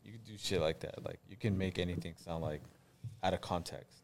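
A young man hosting a casual late-night podcast, talking in a relaxed, laid-back way with lots of fillers. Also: low-pitched, brisk, a little hiss or hum. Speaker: podcast host.

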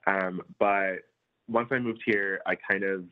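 Young guy from india, deep voice, lots of likes and ums, tinny call audio. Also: fairly even intonation, takes it slowly. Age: early 20s. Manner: rambling, full of "like" and "um". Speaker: guest. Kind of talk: casual interview answers. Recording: phone-like remote call audio.

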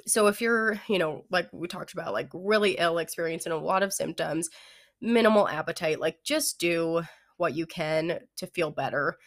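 This young woman speaks on the low side at normal speed, her voice thick and nasal from a head cold. Casually giving advice as a fitness coach on her podcast, she leans heavily on "like" and "you know."

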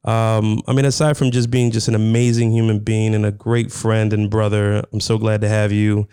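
Smooth, low-voiced male interviewer. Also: flat delivery, moderate pace, dark tone, no room sound. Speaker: show host, interviewer. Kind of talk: casual interview chat.

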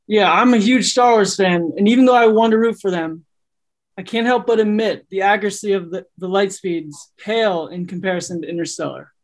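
A man's voice: high-pitched, brisk. A man playing an eager scholar guest who talks up his fandom in a comedy sketch.

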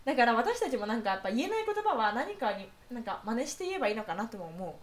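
A woman co-hosting a podcast in casual chat, chatty and quick to laugh. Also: fairly high pitch, very animated. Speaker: podcast co-host.

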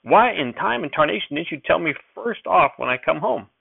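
A man voicing an excitable old rural grandfather who speaks in folksy dialect, with a raised, quick old-timer twang over a thin, dry phone-like sound. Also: a little high, creaky, breathy edge, no echo, voice pushed up, heavily acted. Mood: urgent.

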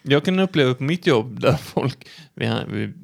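A man's voice: medium pitch, lively intonation, creaky. A man who works as an assistant nurse, talking chattily with plenty of fillers in a casual conversation. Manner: chatty storyteller, hesitant fillers.

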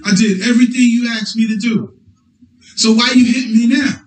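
A man's voice: very high-pitched, fairly even intonation, normal speed, reverberant, recorded from a distance, pitched above the performer's own voice. A man voicing a female talking donkey who pleads to know why she is being beaten, in a raised, pushed voice. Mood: plaintive.

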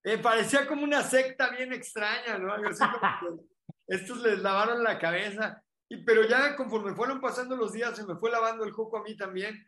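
A Mexican man with a Mexican Spanish accent, a motivational speaker, tells an animated, emphatic story in a casual interview. His voice is high-pitched and a little fast, with few pauses, in a reverberant space.

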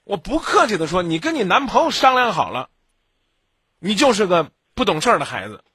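Radio advice host, male, dry studio sound, lectures sharply, bright voice. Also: high-pitched, sing-song, fairly quick, slightly rough, dry recording. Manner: blunt, lecturing, scolding. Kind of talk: late-night call-in advice.

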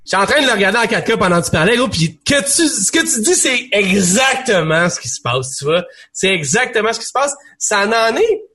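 A young man with a Quebec French accent, co-hosting a casual gaming chat, rambling and animated with many restarts. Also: sits high, a little fast, few pauses, breathy edge. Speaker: podcast co-host.

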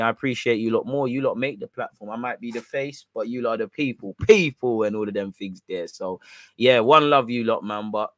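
A man's voice: mid-range voice, no room sound. London roadman-accented man chatting casually, dry sound. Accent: London, urban street. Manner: conversational, slangy, roadman-style speech. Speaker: football fan channel host, live streamer. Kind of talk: casual livestream fan chat with street slang.

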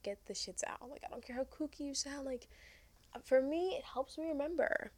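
A young adult woman co-hosting a casual podcast, talking fast and loose, rambling and swearing freely. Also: high voice, darkish tone. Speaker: podcast co-host.

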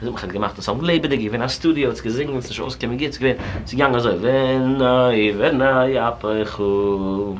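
A man rattles off a personal story at a very fast clip, circling and restarting his sentences as he goes. He drifts between languages and laughs along with his own tale. A faint hum of ambience sits under the voice. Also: medium pitch. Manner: rambling, mixing languages, laughing often. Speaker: interviewee telling a story. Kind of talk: casual anecdotal storytelling.

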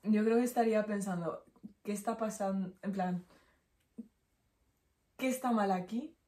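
A woman's voice: mid-range voice, unhurried, mellow. A young woman, co-hosting a casual podcast chat, contrary and wry, dropping English slang. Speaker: podcast co-host.

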